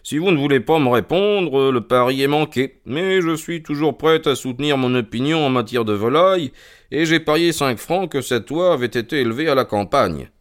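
A man reading an audiobook, voicing a cunning middle-aged detective who talks calmly and stubbornly in a teasing way. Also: mid-range voice, moderate pace, pitched above the performer's own voice, close to an everyday voice. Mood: sly.

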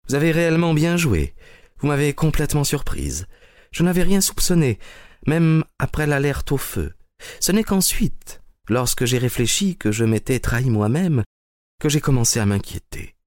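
A man's voice: fairly high pitch, very animated, normal speed, dry recording, studio quality, voice pushed up. Man reading as a poised, clever young woman. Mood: self-assured. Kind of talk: audiobook reading.

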